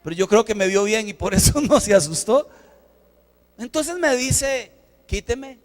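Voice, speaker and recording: A male pastor, preaching a sermon and telling an animated story with acted-out dialogue. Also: high voice, normal speed, big-room sound. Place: church sanctuary.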